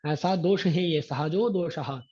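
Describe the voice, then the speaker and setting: Slow, measured man giving scripture discourse. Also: fairly high pitch, warm tone, husky, highs cut off. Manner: chants Sanskrit verses, then explains them line by line. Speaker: religious teacher.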